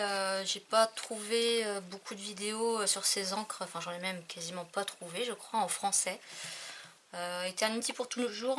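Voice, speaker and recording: A woman's voice: mid-range voice, sharp tone. Woman, casual crafting vlog, hesitant with fillers, noisy background with clicks. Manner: hesitant, many fillers, thinking aloud while testing; stumbles over English product names. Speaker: crafting vlogger. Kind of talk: casual haul video, showing craft inks.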